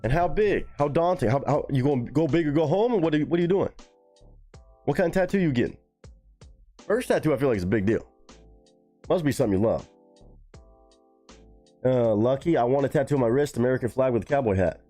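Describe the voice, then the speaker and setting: A man's voice: mid-range voice, expressive, a little fast, long pauses, dark tone, soft background music. A man hosting a live stream in loose, casual chat, swearing freely and answering his chat.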